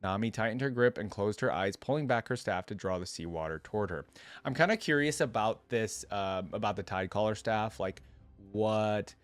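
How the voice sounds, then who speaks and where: A man hosts a reaction video, reading a story aloud and breaking off for casual, musing commentary and hesitant asides. His voice is lowish, his pace moderate, and the recording is dry.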